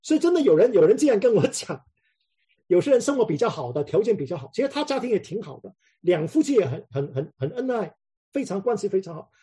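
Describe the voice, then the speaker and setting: A man's voice: high-pitched, very animated, fast talker, warm tone, breathy edge. A man preaching in a conversational way, telling anecdotes and often repeating words as he restarts his sentences.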